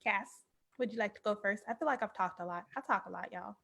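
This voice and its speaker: A woman in her thirties, a podcast guest, talking in an animated, emphatic casual way with lots of "like". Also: medium pitch, fast talker, gravelly. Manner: animated, emphatic, frequent "like" fillers. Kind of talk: casual chat.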